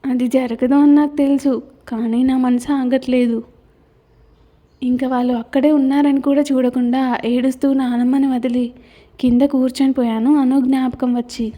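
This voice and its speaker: High, mellow-voiced woman narrating a story. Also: flat delivery, normal speed. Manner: emotional first-person storytelling. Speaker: writer and narrator. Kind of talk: scripted audio novel narration.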